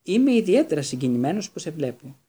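A man voicing a mischievous teenage twin boy with mock-ceremonious teasing, with a husky voice. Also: mid-range voice, very animated, warm tone, heavily acted. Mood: mock-formal.

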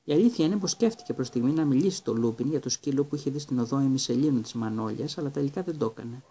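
A man reading a Greek audiobook in a steady, even storytelling manner. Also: medium pitch, breathy edge. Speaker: audiobook reader. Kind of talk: audiobook narration.

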